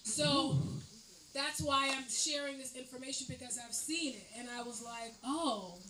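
A woman's voice: high-pitched, unhurried, pushed and bright. A woman speaking on a live panel, giving earnest, conversational advice about money and running a business. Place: event space with live audience. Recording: echoey room with ambient noise.

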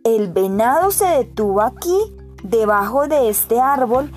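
A woman voicing a calm father in a storybook reading, telling things matter-of-factly. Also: on the high side, unhurried, soft background music. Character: grown man, a father, calm.

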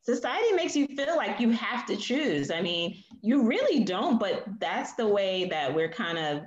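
A woman's voice: medium pitch, very animated, measured pace. Chatty woman in an echoey room. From Philadelphia, USA. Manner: chatty, lots of "like" and "um". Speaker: guest. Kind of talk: casual interview conversation. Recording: echoey room, dull lo-fi sound.

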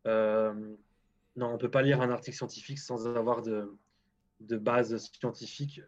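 A man's voice: medium pitch, steady tone, normal speed, lo-fi sound. A man speaking as a guest scientist in a casual interview, frank and hesitant, often restarting his sentences.

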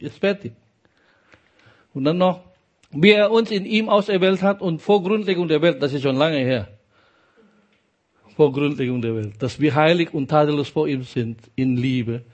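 Slow, emphatic preacher, fairly high voice. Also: male voice. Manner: emphatic, repeats key phrases, asks the congregation "ja?". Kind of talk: sermon.

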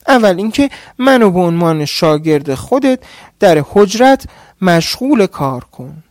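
An earnest young husband, as a storyteller plays him speaks urgently with lively rises and falls. He pleads for help in plain, close, dry sound. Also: medium pitch, no echo, natural voice.

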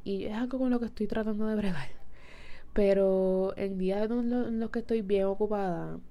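A woman's voice: mid-range voice, moderate pace, warm tone. A young adult woman talks casually as a podcast host, mixing English words and phrases into her in an informal Spanglish. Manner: informal, conversational, with slangy asides. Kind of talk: casual solo podcast talk.

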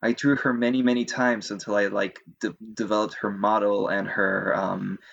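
A man's voice: lowish voice, flat delivery, normal speed, creaky, a bit bright, dull audio. A man chatting casually on a podcast, hesitant, with many fillers and restarts. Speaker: co-host.

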